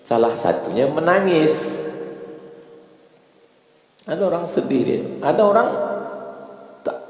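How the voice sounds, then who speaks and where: A male preacher giving a storytelling sermon in an animated way, with big swings in pitch. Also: slow. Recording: echoey hall with long reverb.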